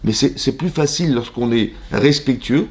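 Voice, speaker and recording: A man, a rabbi, giving a lively class to his congregation. He fires rhetorical questions at the listeners, acts out both sides of imagined conversations and drops Hebrew religious terms into his French. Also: mid-range voice, normal speed. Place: synagogue classroom.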